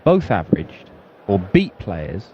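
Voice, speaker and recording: A man's voice: low voice, wildly swooping pitch, slow, a little hiss or hum. Male darts commentator, slightly dull sound. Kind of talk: live sports commentary.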